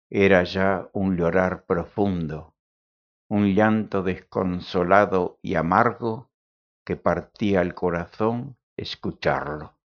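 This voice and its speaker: A man narrating an audiobook in a measured, deliberate way. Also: low voice. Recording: dull lo-fi recording.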